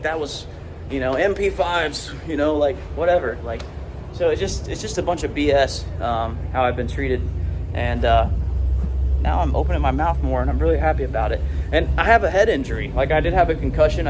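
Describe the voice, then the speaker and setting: A man's voice: medium pitch, slight background noise. Rambling, defensive man talking to camera. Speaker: vlogger. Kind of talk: casual monologue to camera.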